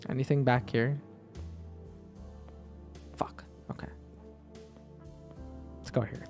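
A man's voice: mid-range voice, flat delivery, takes it slowly, a little mellow, soft background music. A man giving casual gameplay commentary, talking to himself with wry, swearing asides. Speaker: gaming video host.

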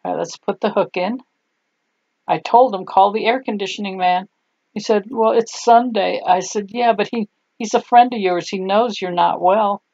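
Sitting indoors at her craft table at home, this craft tutorial host, an older native German speaker, chats cozily and wanders off topic as she shows a clay project, worn out after a long day. Her medium-pitched voice goes at a normal speed and is a little mellow, in a dry, muffled recording.

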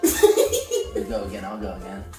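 A man's voice: fairly low pitch, huge pitch swings, a little slow. A man in his twenties talking casually with friends. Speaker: food challenge participant. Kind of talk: casual chat among friends. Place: home dining room. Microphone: camera a few metres away. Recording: echoey room, distant mic, music underneath.

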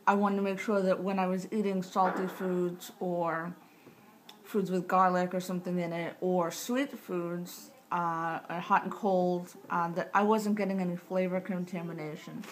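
In her thirties and recovering from recent jaw surgery, this vlogger speaks with a fairly low, tight-jawed voice, rambling matter-of-factly and interrupting herself as she shares recovery tips with the camera. She's indoors in a small living room, picked up by a camera mic about arm's length away, with clear room noise behind her.

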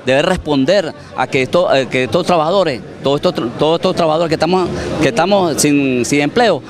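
A middle-aged man with a Venezuelan accent, speaking haltingly with many restarts in a street interview, handheld mic in a city plaza. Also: fairly high pitch. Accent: Venezuelan Spanish. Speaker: cooperative member. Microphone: handheld reporter mic. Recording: crowd noise behind.

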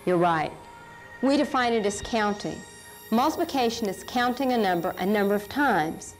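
A woman's voice: mid-range voice, animated, moderate pace, faint music behind, rough recording. A middle-aged woman presenting a simple children's math lesson, putting questions to the viewer as she demonstrates. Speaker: math teacher presenting an instructional video.

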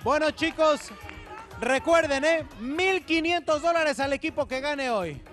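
High-pitched Mexican ringmaster-style male game show host. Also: animated, unhurried, fairly bright tone. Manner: booming ringmaster-style announcing. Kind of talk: ringmaster-like show presenting to contestants and audience. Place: large indoor TV competition studio with pool. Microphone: handheld microphone. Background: music.

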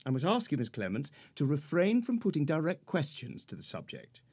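An actor playing a pompous, fussy middle-aged lawyer in a period radio drama, formal and precise about legal procedure. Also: male voice, fairly high pitch, wildly swooping pitch, brisk, darkish tone, husky, heavily acted. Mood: exasperated. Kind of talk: 1940s-set radio drama acting.

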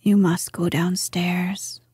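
A woman voicing a gentle, wise and very old grandmother in a slow, hushed whisper, reading a storybook. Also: fairly low pitch, little pitch movement, slightly rough, no echo, exaggerated voice. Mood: gentle assurance. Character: ancient wise grandmother lady, gentle and calm.

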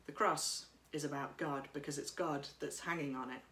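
A woman priest giving a sermon at home, speaking in a gentle, reflective way while reading from notes, recorded by a camera across a room. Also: low-pitched, fairly even intonation, normal speed, roomy sound. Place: living room by a bright window.

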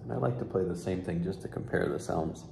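A young man in his twenties, a flute restorer, talking casually to the camera about his work in a relaxed way with fillers. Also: deep voice, fairly quick, gravelly. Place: sunroom with large windows, indoors. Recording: echoey room with faint background noise.

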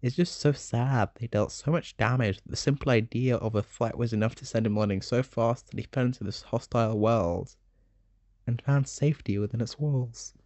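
A young man in his late teens narrating a game summary video essay, chatty and full of joking asides with dark humor. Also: mid-range voice, moderate pace, dry recording.

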